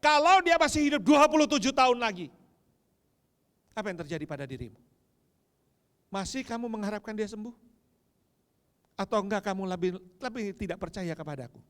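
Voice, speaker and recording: God, gentle and probing, as a pastor puts Him on. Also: male voice, high-pitched, big pitch swings, brisk, pauses often, pitched above the performer's own voice. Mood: gently probing. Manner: patient, questioning, intimate. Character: God speaking gently to a grieving father. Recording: long reverb of a church hall.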